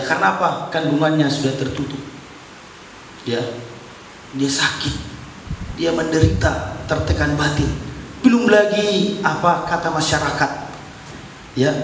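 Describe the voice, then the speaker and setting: A male pastor preaches an emphatic sermon, his voice swinging between loud cries and hushed asides. He is heard from far off in a church with a long, booming reverb. Faint noise sits underneath. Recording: echoey church hall, far mic.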